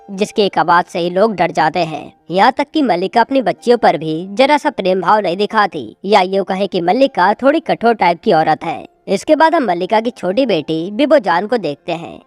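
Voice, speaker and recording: A woman narrating a recap of a web series, retelling the plot episode by episode in steady scripted storytelling. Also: medium pitch, dry recording.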